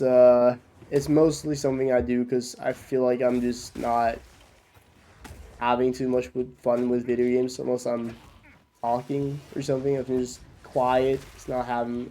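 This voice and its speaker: A young Norwegian man, sick and coughing, chats loosely with viewers while streaming a game, using lots of fillers and restarts. His voice is mid-range and mellow, with slight background noise.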